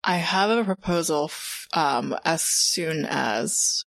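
A woman's voice: deep voice, expressive, slow, vocal fry, fairly bright tone, no room sound. A woman playing a tabletop role-playing game, chatting casually and with amusement. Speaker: tabletop role-play player.

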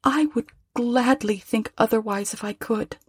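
A woman doing a soft, tearful young woman. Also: fairly high pitch, fairly even intonation, unhurried, husky, no echo, voice pushed up. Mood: sorrowful. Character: young woman, sorrowful and gentle but firm.

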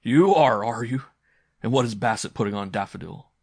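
A man's voice: mid-range voice, expressive, normal speed, gravelly, a little mellow, dry recording, clean studio sound. A man playing a jovial, teasing uncle in a story, hearty, amused and a little patronising.

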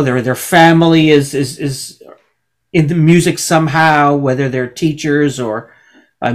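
A man interviewing a guest casually, halting and circling his way toward the question. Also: fairly high pitch.

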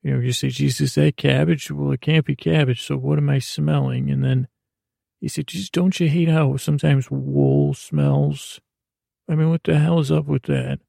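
A man hosts a bedtime podcast meant to help listeners sleep, rambling in a meandering, stammering monologue that trails off and switches topics. His voice sits on the high side, creaky and gravelly yet warm, with fairly even intonation at a moderate pace. The studio-quality recording has no echo.

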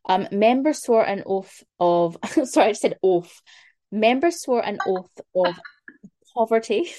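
A young woman co-hosting a chatty podcast, reading out history notes at a relaxed pace. She swears casually, trips over big words and laughs at herself. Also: medium pitch, unhurried. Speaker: podcast co-host.

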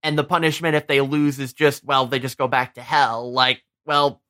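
A man co-hosting a podcast, chatting casually about a movie and often pausing to search for words. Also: mid-range voice, little pitch movement, bright, forceful tone. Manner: hesitant, many fillers and restarts. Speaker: podcast co-host.

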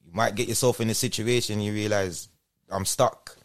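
A man's voice: fairly low pitch, fairly even intonation, a little fast. A man with a London roadman accent answering interview questions in casual street slang, often checking that he is being followed. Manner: repeats checking tag phrases. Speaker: interview guest.

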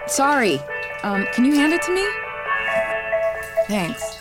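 A woman's voice: high-pitched, big pitch swings, slow, over loud music, heavily acted. A woman playing an anxious wife hoping to adopt, who keeps apologizing and talks herself through things in an audio drama. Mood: flustered. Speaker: wife preparing for an adoption home visit.

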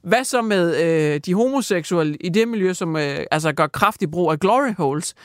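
A man's voice: sits high, animated, dry recording, studio quality. A man hosting a satirical comedy radio segment, rambling mock-seriously with lots of fillers. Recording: music playing behind.

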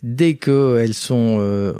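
A man's voice: medium pitch, slow, mellow, clean tone, no echo, clean studio sound. A man being interviewed as a company founder, chatting casually and hesitantly, with many fillers and restarts.

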